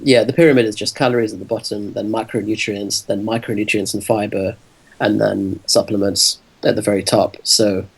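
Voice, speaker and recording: Measured man explaining, slightly low voice. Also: a little mellow, husky, rough recording. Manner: measured, explanatory, many ums. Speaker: fitness coach, guest. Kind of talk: casual interview answers.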